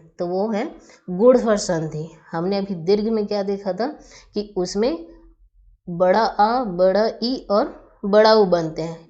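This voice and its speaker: A woman teaching a grammar lesson, who explains each step slowly, asking questions and then answering them herself. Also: medium pitch, darkish tone. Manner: patient, asks and answers her own questions. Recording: dull lo-fi recording.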